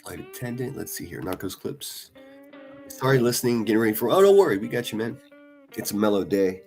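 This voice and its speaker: A man's voice: fairly low pitch, lively intonation, fairly quick, darkish tone, faint music behind. A man on a casual live stream reading viewer comments, blunt and profane, talking passionately and often restarting his sentences. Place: at a desk in front of a laptop.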